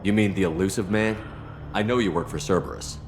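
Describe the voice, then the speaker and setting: Game role: actor as a terse, deep-voiced commander, quick delivery, music underneath. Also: male voice, lightly acted. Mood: guarded. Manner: terse, guarded, questioning. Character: battle-hardened male commander, wary and direct. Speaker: military commander. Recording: game audio with music score.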